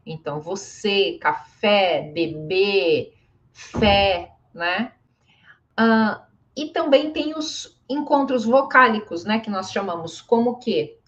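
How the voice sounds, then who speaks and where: A woman teaching pronunciation in a casual lesson, patiently repeating example words and often asking "né?". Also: on the high side. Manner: patient, drawn-out examples, frequent "né?". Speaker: Portuguese teacher. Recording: dull lo-fi audio.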